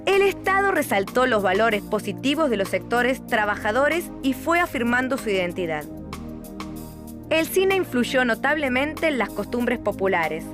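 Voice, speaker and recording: A woman reading a scripted educational narration in a clear, measured way. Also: on the high side, big pitch swings. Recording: music bed under the voice.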